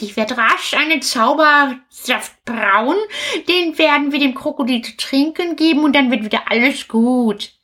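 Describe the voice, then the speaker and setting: A woman voicing a friendly, helpful witch in a children's puppet show, brisk and reassuring. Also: high voice, bright, forceful tone, voice pushed up, full character voice.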